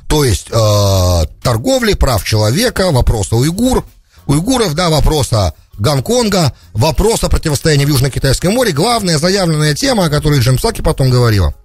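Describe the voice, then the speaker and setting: On a close studio broadcast mic mounted on a boom arm, a middle-aged radio host offers unscripted political commentary. His husky voice is on the high side, the sound has no room reverb, and he sprinkles in English terms.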